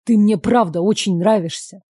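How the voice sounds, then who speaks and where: Gruff young man in a read-aloud story, voiced by a woman, rough-spoken, dry close sound. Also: medium pitch, moderate pace, mellow, no echo, lightly acted.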